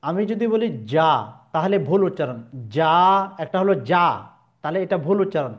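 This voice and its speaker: A man's voice: high-pitched, expressive, lo-fi sound. Patient man drilling Arabic letter sounds. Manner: patient, repeats each sound slowly and asks if understood. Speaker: Quran recitation teacher. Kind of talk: step-by-step pronunciation lesson.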